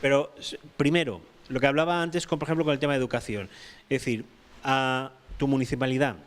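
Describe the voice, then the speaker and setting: A man's voice: medium pitch, fairly even intonation, fairly quick. Emphatic man at a panel. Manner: emphatic, repeats points, many restarts. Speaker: panel speaker. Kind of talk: round-table talk.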